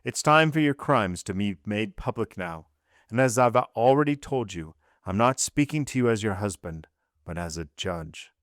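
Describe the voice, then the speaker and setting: A man's voice: fairly low pitch, expressive, moderate pace, dry recording, studio quality, close to an everyday voice. A man doing a cold, commanding magistrate. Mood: accusing. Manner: blunt, commanding. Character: cold, stern magistrate husband.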